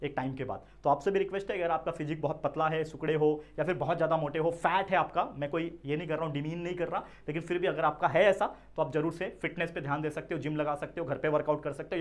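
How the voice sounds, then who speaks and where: A man's voice: on the high side, fast talker, few pauses. A young man, an online tutor, talking straight to students with earnest advice and frequent check-ins. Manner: earnest, addresses students directly with frequent checks like "theek hai na". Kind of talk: direct-to-camera advice talk.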